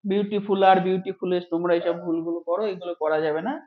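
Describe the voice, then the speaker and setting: A man with a high-pitched voice teaches a grammar lesson, walking through each rule step by step. He stretches out the example words slowly so they can be heard clearly. The recording is echoey and dull, like a lo-fi room recording. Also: fairly even intonation.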